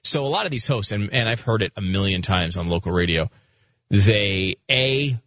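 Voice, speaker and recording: A man's voice: lowish voice, animated, moderate pace, a bit bright, no echo. A man co-hosting a talk radio show, chatting casually and explaining at length with many fillers.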